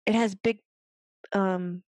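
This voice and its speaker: A woman's voice: medium pitch, fairly even intonation, slow pace, a little mellow, no echo. A woman working as a medium, chatting casually on a podcast and passing on messages in a playful way. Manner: relays messages from the spirit world, chatty and playful.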